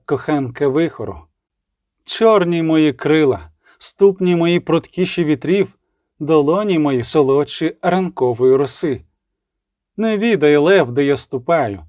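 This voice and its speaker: Male reader doing a proud goddess-priestess, slow solemn chant, raised pitch, dry close sound. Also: darkish tone, no room sound.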